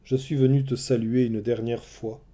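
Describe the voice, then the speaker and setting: A man reading a storybook, voicing a brave Trojan warrior prince who speaks gravely and tenderly to his family. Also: mid-range voice, level tone, normal speed, warm tone, lightly acted.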